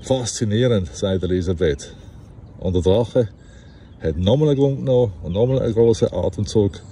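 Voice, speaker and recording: Low-voiced Swiss German storyteller. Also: male voice, normal speed, slight background noise. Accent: Basel Swiss German. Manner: relaxed, chatty, with laughs and self-corrections. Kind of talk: reading a fairy tale aloud with asides.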